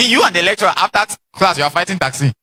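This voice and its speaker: Man, motivational seminar talk, bright husky tone, repeats and quizzes the audience. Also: high voice, expressive, fast talker. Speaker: seminar speaker.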